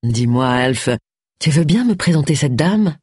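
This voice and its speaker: A woman doing a suave lowered-voice bishop. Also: expressive, unhurried, a little mellow, slightly rough, no room sound, studio quality, full character voice. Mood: charming. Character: suave tall bishop, man, smooth.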